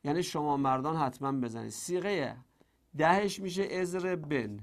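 Guy teaching grammar class, kinda high voice, repeats stuff slow, asks and answers himself. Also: expressive. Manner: explanatory, repeats forms slowly and asks rhetorical questions. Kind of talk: classroom lecture.

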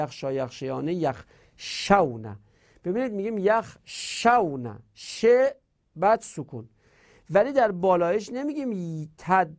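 Male grammar teacher, raised pitch, methodical classroom lecturer who repeats forms and fixes his own slips. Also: a little mellow. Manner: patient step-by-step drilling, repeats verb forms slowly; corrects himself mid-explanation.

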